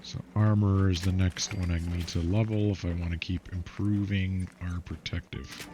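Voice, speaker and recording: A man's voice: low-pitched, flat delivery, moderate pace. A man giving casual gameplay commentary, thinking aloud and muttering to himself. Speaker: gaming video host. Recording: dull, muffled audio with faint noise.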